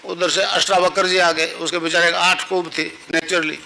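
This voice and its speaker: A man's voice: high-pitched, little pitch movement, moderate pace, vocal fry, bright, forceful tone, slight background noise, low-quality recording. An older man giving a sermon to a live gathering, telling a story and teaching a mantra for the listeners to repeat. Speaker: spiritual guru.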